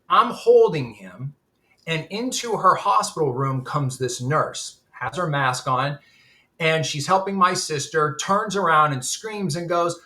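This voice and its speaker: Bright, earnest storytelling man. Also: a little high. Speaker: guest, admissions executive. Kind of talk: casual webinar interview.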